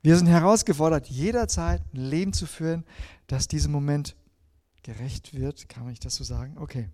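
German guy preaching, mellow warm voice, goes loud then hushed, talks right at you. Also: on the high side, moderate pace. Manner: earnest, swings between emphatic and hushed; addresses listener directly, reads scripture aloud. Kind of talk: sermon.

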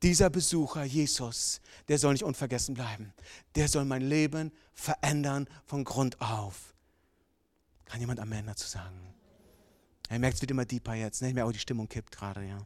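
A man's voice: mid-range voice, moderate pace, a little mellow, dry recording. A man preaching a sermon with emphatic, colloquial storytelling.

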